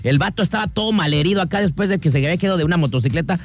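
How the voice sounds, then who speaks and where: A Mexican radio host jokes his way through the news in loose, slang-filled chat. He fills his pauses with lots of "este" and "eh". His voice sits on the high side over faint background music. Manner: slangy, joking, many fillers. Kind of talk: casual radio talk.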